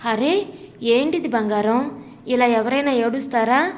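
A woman's voice: on the high side, a little slow, close to an everyday voice. A woman voicing a playful, teasing young husband in a storybook reading, with a long hall reverb on the recording.

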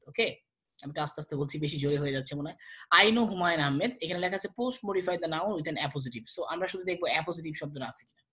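Brisk-talking male tutor. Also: sits high, a bit bright. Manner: brisk, slows down to read examples aloud. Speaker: English tutor. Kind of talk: exam-prep grammar lesson.

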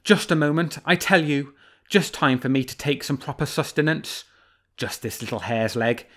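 A man voicing a sly, smooth-talking male fox who sounds falsely humble, ingratiating and cheery. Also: on the high side, moderate pace, a bit bright, pitched above the performer's own voice.

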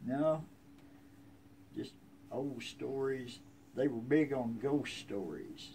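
Taking it slowly, this man in his seventies recounts family history in a medium-pitched, dark voice. He has a rural American accent and a casual, folksy, plainspoken manner, seated on a covered wooden porch. Outdoor ambient noise is picked up by the handheld phone a few feet from him.

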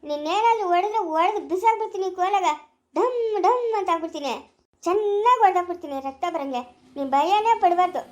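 A woman's voice: very high voice, fast. A woman with a rural Chikkaballapura Kannada accent, playing a blunt, fiercely protective village mother in a family skit. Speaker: amateur family skit actor.

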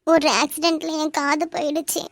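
A woman's voice: high-pitched, little pitch movement, background noise. A woman voicing a shy, poor teenage schoolgirl who is hard of hearing, speaking hesitantly in a Kanyakumari Tamil accent in a cartoon. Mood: timid pleading. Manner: hesitant, pleading, quick to tears. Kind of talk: animated cartoon dialogue.

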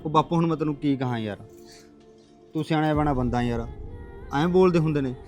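A man's voice: on the high side, fast, a little mellow, faint music behind, close to an everyday voice. A man playing a young husband caught between his wife and his father, talking in a pleading, placating way. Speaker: son and husband.

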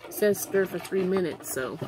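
A somewhat low-voiced older woman from Kansas talks at a moderate pace while cooking for her vlog, rambling and thinking aloud to camera. She moves toward and away from the built-in camera mic, and background noise includes running tap water and kitchen clatter.

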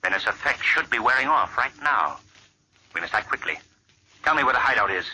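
An actor playing The Shadow, an invisible man of mystery who speaks in a measured, deliberate, menacing calm, in 1940s radio acting. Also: medium pitch, rough recording. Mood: commanding.

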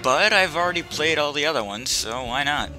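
A man's voice: a little high, lively intonation, fairly quick. A man giving casual commentary while playing a video game, with dry, rambling asides. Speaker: gameplay commentator. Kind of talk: casual let's-play commentary. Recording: game music behind the voice. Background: game music.

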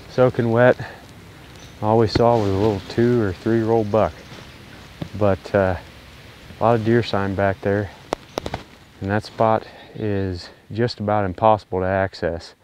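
A young man giving a relaxed, plain-spoken recap to the camera outdoors at night beside his vehicle. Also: sits low, a little hiss or hum. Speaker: hunting vlogger.

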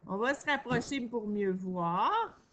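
A woman with a Québécois accent teaching a reading lesson to children, sounding out words slowly and praising answers. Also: fairly high pitch, lively intonation, fairly bright tone, slight background noise. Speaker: primary school teacher.

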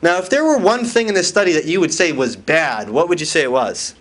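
A man's voice: on the high side, animated, a little fast, a bit bright. A man giving a conference lecture from slides, with dry, wry asides, questions to the audience and many fillers and restarts.

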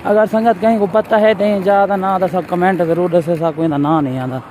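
Speaking at a normal speed in a fairly high, somewhat dark voice with fairly even intonation, this male vlogger has a Pakistani Punjabi accent. He narrates a walking tour in a casual, exclamatory way, leaning on repeated catchphrases while holding a phone camera on a city roadside. Traffic and street noise make the outdoor recording very noisy.

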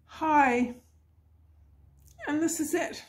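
A woman with a high voice and drawn-out words chats to the camera about her garden on a hot day. The vlog is casual and rambling, punctuated by frequent laughter.

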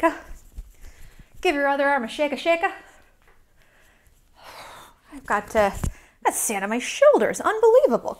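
A woman teaching yoga to young children, playful and silly, with sudden high exclamations. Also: slight background noise. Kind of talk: guided kids' yoga lesson.

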